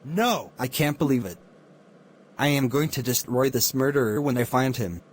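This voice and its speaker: A man's voice: medium pitch, animated, moderate pace, slight background noise, natural voice. A man playing a grieving, hot-headed teenage brother in a murder mystery film. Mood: distraught, vengeful.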